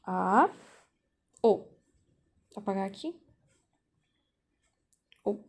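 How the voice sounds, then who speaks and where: A woman teaching a language class over a video call, explaining slowly and patiently, repeating key points and checking in with the students. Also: mid-range voice, animated, slightly rough. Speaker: volunteer teacher.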